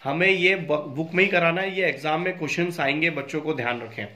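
Bright-voiced male teacher spelling words. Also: fairly high pitch. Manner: mixes Hindi with English words; reads book lines slowly and clearly. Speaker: school teacher. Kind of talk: recorded online class lesson.

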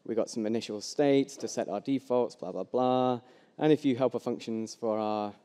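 His medium-pitched voice is warm and smooth, at a moderate pace. A young adult speaking at a meetup, he presents a relaxed live coding session through a headset mic, often saying um and restarting sentences, and the big hall around him produces long, echoey reverb.

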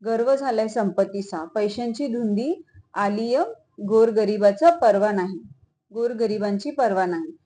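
A woman's voice: mid-range voice, a little slow, dark tone, close to an everyday voice. A woman voicing an angry, poor old beggar woman who scolds bitterly. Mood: bitter scolding.

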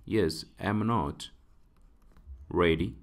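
A man with an Ethiopian accent teaching English phrases, whose first language is Amharic, saying each phrase slowly and repeating it. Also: low voice. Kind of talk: slow, repeated lesson dictation.

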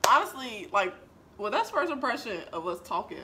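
A young woman chatting playfully with her best friend at home, telling stories with animated, expressive delivery. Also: on the high side, moderate pace, a little hiss or hum. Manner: chatty, playful, lively storytelling. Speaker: vlogger. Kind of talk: casual chat. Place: apartment.

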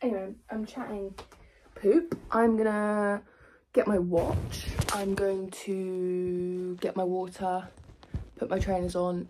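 A woman's voice: medium pitch, heavy background noise. Chatty young British woman vlogging. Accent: British English. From United Kingdom. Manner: chatty, rambling, self-deprecating. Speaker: personal trainer and vlogger. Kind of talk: casual day-in-the-life vlog. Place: home rooms, then a gym. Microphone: phone camera propped nearby.

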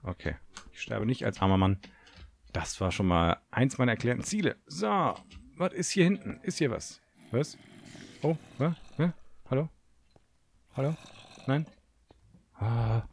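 Jumpy German gamer, gravelly and lively. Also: male voice, mid-range voice, measured pace, pauses often, a little hiss or hum. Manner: nervous, swears at monsters, talks to himself. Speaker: gaming video host. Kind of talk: Let's Play commentary.

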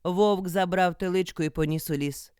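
An actress with a Ukrainian accent, reading a folk fairy tale aloud in an expressive, dramatic way. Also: female voice, on the low side, moderate pace, clear, resonant tone, no echo, clean studio sound. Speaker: actress narrator. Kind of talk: storybook reading.

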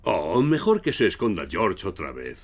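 A man voicing a kindly, playful father pig in a children's cartoon, with a Castilian Spanish accent and a gently teasing manner. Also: low voice, wildly swooping pitch, moderate pace, a little hiss or hum, heavily acted. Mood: helpful.

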